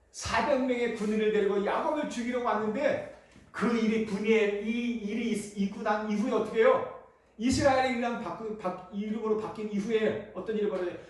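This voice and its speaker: A man preaching a Sunday sermon in a church, asking the congregation questions and answering them himself. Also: high-pitched. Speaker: pastor. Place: church sanctuary. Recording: echoey church hall from far off.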